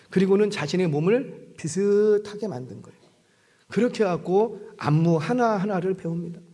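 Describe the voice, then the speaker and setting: A man with a high, lively voice preaches a sermon. He breaks into acted-out voices and asks the congregation questions. The sound rings with a long reverb from a large church hall. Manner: animated storytelling, acting out voices and questioning the congregation. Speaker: pastor. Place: church sanctuary.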